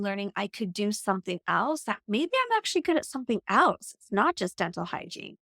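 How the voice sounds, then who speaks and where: A woman in her forties speaks as a guest on an interview, telling her story in an earnest, reflective way. Her voice sits at a middle pitch, and "like" keeps slipping into her sentences. The recording is dry and close, with no room echo. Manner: earnest, reflective, frequent "like" fillers. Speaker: podcast guest, coach. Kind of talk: conversational storytelling.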